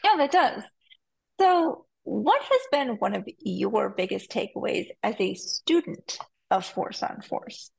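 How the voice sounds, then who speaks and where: A woman's voice: medium pitch, lively intonation, takes it slowly, vocal fry, breathy edge, low-quality recording. A woman hosting an interview and asking short, direct questions. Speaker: interviewer, podcast host.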